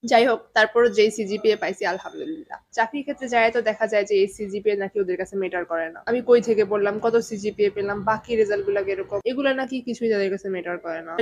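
A woman's voice: medium pitch, fast talker, darkish tone. A young woman from Bangladesh, chatting casually in a vlog and mixing in English words. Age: young adult. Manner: chatty, mixes English words, nervous then wry. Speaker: vlogger.

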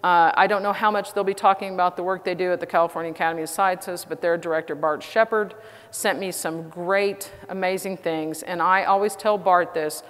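A middle-aged woman with a Texas accent giving a conference talk, chatty and self-deprecating with frequent fillers. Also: fairly low pitch. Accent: Texan. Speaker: conference speaker. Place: large conference hall. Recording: reverberant conference hall.

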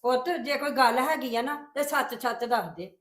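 Actress as a wise, calm mother in a family drama, high voice, roomy sound. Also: moderate pace, distant mic. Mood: gentle. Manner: calming, counselling.

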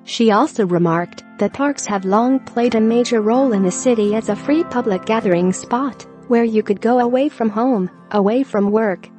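A woman giving a scripted narration of a news article, reading straight through the text in a flat manner. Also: a little high, moderate pace, hardly any pauses. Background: music.

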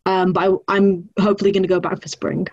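A woman's voice: mid-range voice, level tone, fast, darkish tone, dry recording, muffled recording. A young woman student from England, speaking casually from her bedroom with fillers like "like" and "uh". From northern England. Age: young adult. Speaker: student panelist. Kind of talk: casual interview answer. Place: small bedroom indoors. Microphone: laptop webcam.

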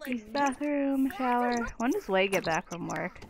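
A woman's voice: a little high, expressive, measured pace, vocal fry. A young woman giving casual, exclamatory commentary while playing a life-sim game, swearing freely. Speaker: let's play gamer.

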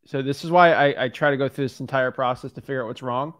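A young wholesaling coach in his twenties speaks fast in a medium-pitched, slightly bright voice. Coaching a student over a video call from his home studio, he talks bluntly and directly into a studio mic on a boom arm.

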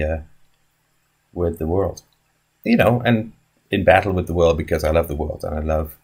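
A man's voice: deep voice, husky. A man in his fifties talking casually on a live stream from an indoor room, musing and rambling with many fillers and restarts as he answers chat questions. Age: 50s. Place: indoor room in front of a wooden wall.

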